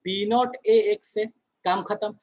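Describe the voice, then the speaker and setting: A male teacher leads an online chemistry class in a relaxed, conversational way, throwing out questions to his students and answering them himself. His voice sits a little higher than most men's. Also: unhurried, rough recording.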